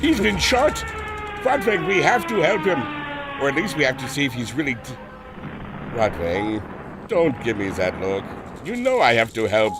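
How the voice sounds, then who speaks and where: In an old-time radio adventure serial, a man with a German accent plays an earnest, remorseful German airship adventurer, solemn and melodramatic yet alarmed and urgent. His medium-pitched voice swoops wildly at a moderate pace over background music.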